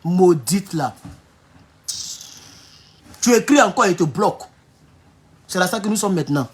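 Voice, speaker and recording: A man with an Ivorian French accent talking casually on a livestream, reading viewer comments with mocking asides and laughter, dropping to low mutters and then flaring up loudly. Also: unhurried. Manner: animated, laughs often, mocking asides, swings from low mutters to loud outbursts. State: sore back. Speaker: online political commentator.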